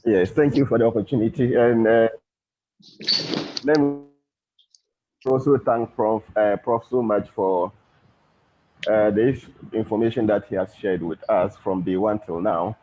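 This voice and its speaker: A man speaks up during an online class's question time over a wobbly, warbling video call. The line sounds thin and tinny, and faint rain noise hisses underneath. He is polite and hesitant, and he pauses often with fillers. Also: fairly low pitch, warm tone. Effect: wobbly, warbling call audio. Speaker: participant asking questions.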